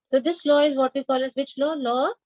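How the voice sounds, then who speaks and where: A woman's voice: high voice, fairly even intonation, a little fast, a little mellow, no echo. A woman with an Indian accent teaching as a biology teacher, mixing English and Hindi and prompting students with questions. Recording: dull, band-limited lo-fi audio.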